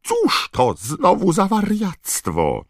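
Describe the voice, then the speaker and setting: A man voicing a panicked, pompous male minister of magic who shrieks in a squeaky, chipmunk-high voice with indignant, shrill outbursts. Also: huge pitch swings, slow, no room sound, studio quality, full character voice. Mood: outraged shriek. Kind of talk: audiobook character voice.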